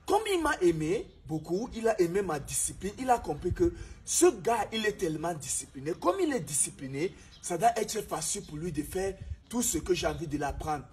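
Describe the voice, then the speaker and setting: A man's voice: high-pitched, very animated, normal speed, darkish tone, a little hiss or hum. A young man from Cameroon with a Cameroonian French accent, telling his life story as a preachy, emphatic motivational talk. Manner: preachy, emphatic, repeats himself. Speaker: restaurant manager.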